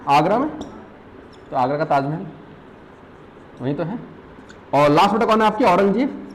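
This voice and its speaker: Pahari guy teacher doing a live revision class, keeps asking "right or not?", jumpy animated voice, bit of faint noise behind. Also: fairly high pitch, low-quality recording. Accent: Pahari-tinged Hindi. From Uttarakhand hills. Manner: repetitive, quizzing students with rhetorical questions; calls students "beta", jokes and laughs while teaching.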